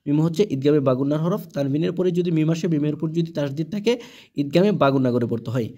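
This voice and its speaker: A man with a slightly high voice and a Bangladeshi Bengali accent teaches Quran reading. He spells out the letters and vowel marks one by one, then recites each word slowly and carefully, and often asks and answers his own questions. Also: dark tone, dull audio.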